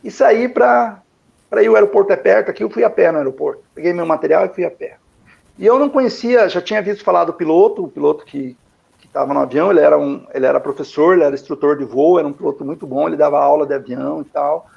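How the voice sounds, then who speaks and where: A man's voice: a little high, fast talker, creaky, a little mellow. An older man with a Brazilian Portuguese accent telling his testimony to a pastor, rambling and repeating himself with lots of fillers. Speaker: guest giving a testimony. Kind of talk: emotional storytelling. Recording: dull lo-fi recording.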